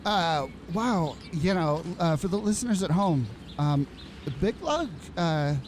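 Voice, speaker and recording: A man's voice: sits high, animated, slow pace, a little mellow, slight background noise. A man hosting a casual comic interview, hesitant and bemused, often stammering and restarting. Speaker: show host.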